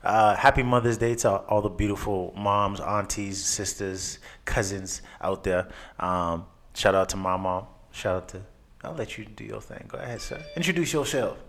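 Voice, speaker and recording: A man's voice: on the low side, moderate pace, a bit bright. A young man hosting a casual podcast, playful and joking with his guest. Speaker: podcast host.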